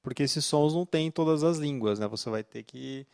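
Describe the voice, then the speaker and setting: A man's voice: fairly high pitch, a little fast, gravelly, darkish tone, smooth, no echo, studio quality. A man with a Brazilian Portuguese accent co-teaching an online English class, backing up his colleague with brief explanations. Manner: brief affirming remarks, short explanations.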